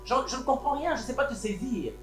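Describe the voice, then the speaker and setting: A man's voice: extremely high pitch, lively intonation, fast talker, a bit bright. An actor with a Congolese French accent playing a wealthy man who looks after his siblings, switching between French and Lingala. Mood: pleading, worried. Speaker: wealthy family head. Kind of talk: Congolese TV series acting. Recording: roomy room with background music.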